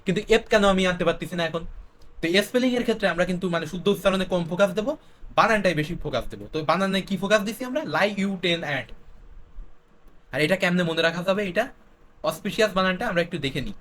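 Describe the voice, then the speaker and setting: A young man with a high, light voice runs an exam-prep spelling lesson. He spells words out letter by letter and keeps asking questions to drive each point home. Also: lively intonation, very fast, a bit bright, slight background noise. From Bangladesh. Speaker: teacher.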